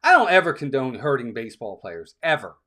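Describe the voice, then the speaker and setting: A man's voice: medium pitch, very animated, brisk, sharp tone. A man hosting a fan stream, calling play-by-play and answering viewers' chat directly, often repeating himself for emphasis. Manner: talks straight to viewers, scolds trolls, repeats himself for emphasis. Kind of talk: live play-by-play commentary mixed with replies to chat.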